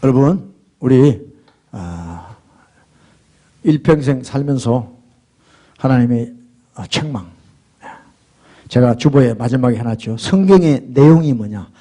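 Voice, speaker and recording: A middle-aged man preaching a sermon as pastor, swinging from hushed murmurs to loud, emphatic exhortation. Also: medium pitch, expressive, takes it slowly, long pauses.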